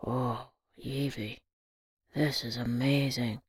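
A woman voicing a gruff, tender old fisherman grandfather in a hushed, breathy voice for an audio story. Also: very deep voice, flat delivery, measured pace, no room sound, pitched below the performer's own voice, full character voice. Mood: moved, gentle.

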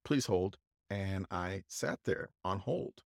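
A man co-hosting a podcast, telling a casual, halting anecdote full of restarts and asides. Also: sits low, expressive, creaky, dry recording, clean studio sound. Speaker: podcast co-host. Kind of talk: casual storytelling chat.

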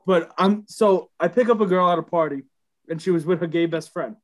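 Young male co-host, animated storyteller with a loose, profane tone. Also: high-pitched, fairly quick. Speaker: podcast co-host. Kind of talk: casual storytelling chat.

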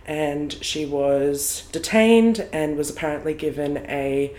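A woman's voice: low voice, slow, darkish tone. A young Australian woman co-hosting a podcast in a casual, chatty way and laughing often, recorded in a room outside a studio. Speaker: podcast co-host. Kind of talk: casual chat. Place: home room, not a studio. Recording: echoey room, faint noise.

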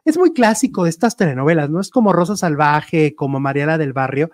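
Guy hosting gossip talk, chatty and animated, dry close sound. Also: on the high side, fairly quick, no echo. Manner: chatty, animated gossip, playful acted-out quotes. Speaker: show host. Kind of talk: casual entertainment chat.

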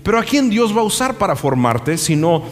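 A man's voice: high-pitched, very animated, brisk. Impassioned preaching man in a reverberant hall. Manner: impassioned preaching mixed with folksy storytelling asides. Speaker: pastor. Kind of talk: sermon. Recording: reverberant hall with faint music.

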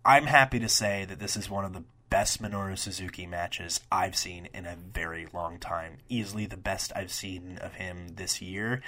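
A young man hosting a solo wrestling review podcast, talking casually with rambling asides and profane, excitable rants. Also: sits low, moderate pace, few pauses.

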